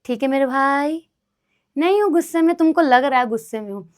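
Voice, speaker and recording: A woman's voice: high voice, expressive, brisk. A woman teacher giving an online class lecture, explaining step by step, mixing in English terms and checking in with students often. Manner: chatty, addresses students as "मेरे भाई".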